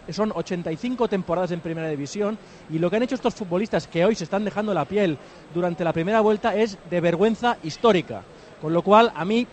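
A man's voice: sits high, a little mellow, slight background noise. A man speaking bluntly on a football radio show, indignant and emphatic, repeating points. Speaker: football commentator. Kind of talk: radio sports talk.

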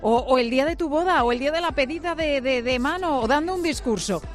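A woman hosting an afternoon radio program, talking in a lively, conversational way and prompting her guests. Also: high-pitched, fast, soft background music. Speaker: radio host.

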